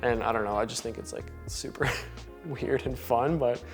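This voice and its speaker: A young man, casually talking through a tour of his loft apartment in a relaxed way, with lots of filler words. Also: medium pitch, moderate pace, creaky, soft background music. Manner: chatty, relaxed, full of "like" and "um" fillers. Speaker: vlogger giving a home tour. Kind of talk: casual home tour talk. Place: large loft apartment indoors.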